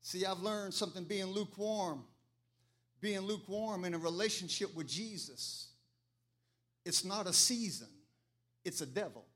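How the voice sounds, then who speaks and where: A male pastor preaching a sermon, rising into chanted, fervent waves and dropping to quieter stretches. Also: sits high, unhurried, long pauses. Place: church sanctuary.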